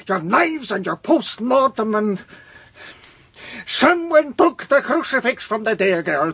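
An actor playing an elderly professor in a radio drama, speaking emphatically with halting phrases and sudden outbursts. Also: male voice, on the high side, breathy edge, no room sound, full character voice. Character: elderly male professor, grave and urgent.

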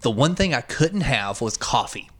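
A man's voice: mid-range voice, moderate pace. Man in rambling, sweary casual chat. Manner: heavy swearing, rambling, animated retelling.

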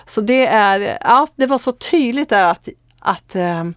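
A woman's voice: mid-range voice, animated, no echo. Earnest Swedish-speaking woman, dry sound. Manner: earnest storytelling with frequent fillers. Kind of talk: casual testimony in conversation.

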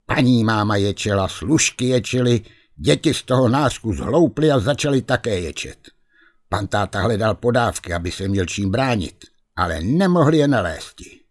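A man reading a fairy tale aloud in a lively, expressive way. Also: on the low side. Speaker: storyteller.

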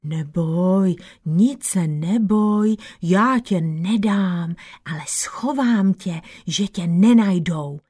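A woman voicing a sly, hushed peasant husband. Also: fairly low pitch, breathy edge. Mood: soothing. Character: sly, clever peasant husband, teasing and calm.

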